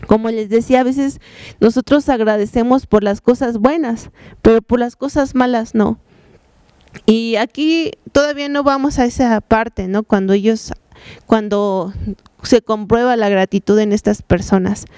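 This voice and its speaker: Woman preaching, warm and smooth. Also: a little high, fairly even intonation, measured pace, no room sound. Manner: conversational, asks the congregation questions, acts out cries. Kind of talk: sermon.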